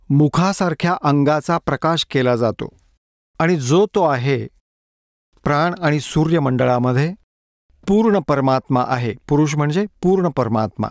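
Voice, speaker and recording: A man delivers a sermon, working through scripture one verse at a time and slowly repeating the key words. His voice sits a little high for a man. The sound is close and dry. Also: dry recording. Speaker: preacher giving a dubbed sermon.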